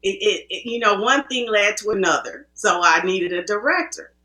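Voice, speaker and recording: A woman's voice: mid-range voice, expressive, normal speed, bright, forceful tone. Woman film producer guest, Midwest-raised, chatty and restarting often, in an echoey room. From American Midwest. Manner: chatty, self-interrupting storyteller. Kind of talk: casual interview talk.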